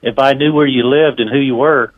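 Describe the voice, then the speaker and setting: A man's voice: medium pitch, fairly even intonation, brisk, no room sound. A man who manages apartments, heard over a landline phone, talking bluntly and turning confrontational. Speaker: apartment manager taking a prank call. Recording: tinny narrow phone line.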